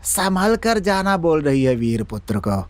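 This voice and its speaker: A man's voice: on the high side, moderate pace, no room sound, natural voice. An actor playing an irritable, short-tempered village man who scolds in an exasperated way, in a Hindi film dub. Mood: grumbling.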